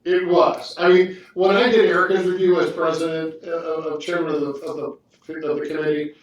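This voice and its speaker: A man's voice: fairly high pitch, flat delivery, normal speed, dull audio, a little hiss or hum. A man at a library board meeting, speaking hesitantly with frequent restarts. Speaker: board member at a public meeting. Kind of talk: meeting discussion. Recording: echoey room, mic far off.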